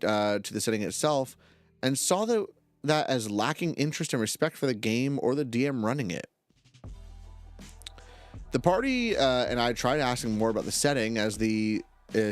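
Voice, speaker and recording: A man streaming, reading role-playing stories aloud and breaking off into sweary rants, tripping over and correcting his reading. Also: medium pitch. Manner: animated, swears, goes off on rants and tangents; stumbles and corrects himself while reading.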